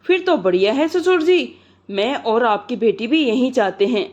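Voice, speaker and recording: Woman doing a loud deaf son-in-law. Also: on the high side, animated, a little slow, muffled recording. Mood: loud cheerful. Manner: shouting everything loudly.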